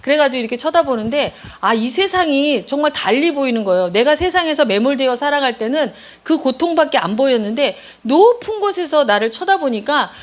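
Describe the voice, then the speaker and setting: A woman's voice: sits high, lively intonation, brisk, few pauses. A woman pastor giving a sermon, telling a personal story with feeling and speaking straight to the congregation. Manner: emotional storytelling, addresses congregation directly.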